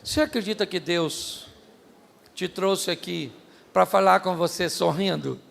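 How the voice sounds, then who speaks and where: A middle-aged Brazilian pastor preaches with animated humor, shouting out acted voices. His voice sits high and carries a gravelly edge. The sound rings with long reverb from a large church hall, and faint room noise sits underneath. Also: a little slow. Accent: Brazilian Portuguese. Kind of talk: humorous sermon. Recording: live sermon with hall reverb.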